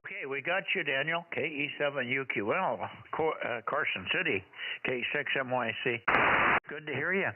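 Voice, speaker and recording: A man talking over a two-way radio as net control, in a relaxed, chatty manner with small hesitations. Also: medium pitch, moderate pace. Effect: heard over a two-way radio. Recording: tinny radio with heavy static.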